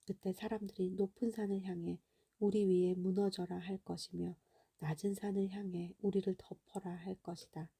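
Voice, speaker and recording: A woman reading the words of a gentle, sorrowful male teacher in a slow, half-whispered voice. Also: on the low side, creaky, slightly rough.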